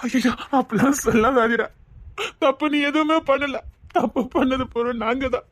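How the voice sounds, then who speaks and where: Actress as pleading young woman, Tirunelveli Tamil accent, tearful, high voice, dry sound. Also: moderate pace, no echo, close to an everyday voice. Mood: begging. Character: young woman desperately begging her friend to live.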